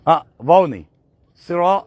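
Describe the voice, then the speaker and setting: A man teaching Quran recitation, patiently correcting a student and slowly modelling each word. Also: sits high, animated, a little mellow, no echo, muffled recording. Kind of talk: tajweed lesson correcting a student.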